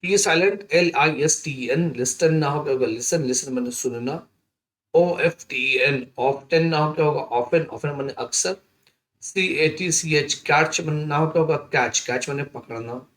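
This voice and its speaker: Teacher guy, bit high voice, spells stuff out slow and patient. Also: a bit bright. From India. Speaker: English teacher. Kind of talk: spoken English lesson.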